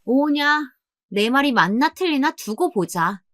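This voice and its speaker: A woman voicing a condescending older sister-in-law who mocks and scolds in a raised, sharp voice. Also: high-pitched, lively intonation, measured pace, no room sound, clean studio sound, voice pushed up. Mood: angry. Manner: mocking, scolding, looks down on others.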